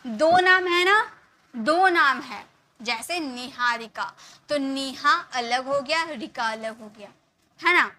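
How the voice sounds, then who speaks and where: A woman from India giving an online lesson as an English teacher, patiently explaining and often checking that the point is clear. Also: high voice, slow pace, pushed and bright, slight background noise. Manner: patient, repeats points with frequent check-ins.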